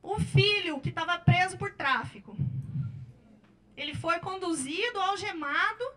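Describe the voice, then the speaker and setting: A Brazilian Portuguese-speaking woman, a public defender, giving a workshop lecture with slides and telling cases in a lively way, often ending with "né?". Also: extremely high pitch, a little slow. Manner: lively storytelling with frequent "né?" tag questions.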